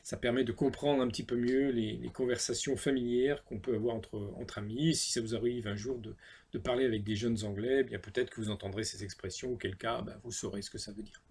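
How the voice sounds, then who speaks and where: French guy teaching english slang, gravelly voice, slow patient repeats, lots of euh. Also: medium pitch, steady tone, a little mellow, slight background noise. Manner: patient, repeats English phrases slowly, many fillers. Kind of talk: casual language lesson.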